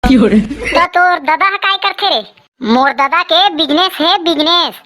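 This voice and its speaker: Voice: extremely high pitch, animated, a little slow, noisy background. A performer with a Chhattisgarhi accent voicing bickering cartoon census takers and villagers, in squabbling, slangy comic dialogue.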